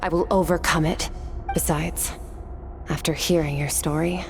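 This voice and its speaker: An actress playing a stoic, resolute warrior disciple in a video game, composed and matter-of-fact. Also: female voice, low-pitched, steady tone, normal speed, gravelly, a little hiss or hum. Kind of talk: dramatic video game voice acting. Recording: music behind the voice.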